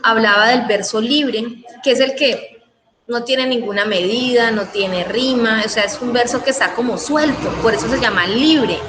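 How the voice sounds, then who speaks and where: Patient Colombian woman teacher, high voice. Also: normal speed, crowd noise, rough recording. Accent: Colombian Spanish. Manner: patient, checks understanding with frequent questions. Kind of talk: online class explanation.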